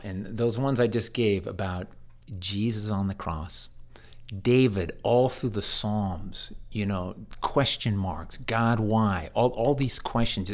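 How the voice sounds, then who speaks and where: Rambling chaplain with a lowish voice. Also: male voice. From United States. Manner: rambling storyteller with repeated words and acted quotes; earnest and pastoral. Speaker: hospice chaplain. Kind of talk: storytelling in a faith interview.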